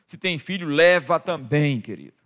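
Brazilian pastor man preaching, fairly high voice. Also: expressive, moderate pace. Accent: Brazilian Portuguese. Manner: addresses the congregation as "querido" constantly, swings from quiet to loud. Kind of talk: sermon.

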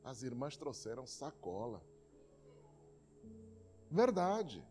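Slow, emphatic Brazilian pastor preaching. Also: male voice, mid-range voice, big pitch swings, warm tone, faint music behind. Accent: Brazilian Portuguese. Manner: emphatic preaching with anecdotes and repeated words. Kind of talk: sermon.

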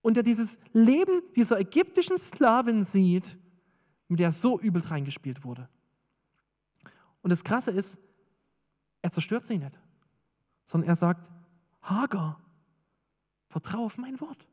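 A man preaching a sermon, swinging between urgent emphasis and hushed intensity. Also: sits high, sing-song, unhurried, pauses often. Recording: long reverb of a hall.

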